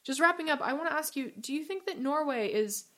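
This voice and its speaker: A woman's voice: sits high, animated, a little fast, bright, forceful tone. A woman podcast host from Morocco, speaking reflectively and repeating words as she starts her thoughts. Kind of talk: podcast interview.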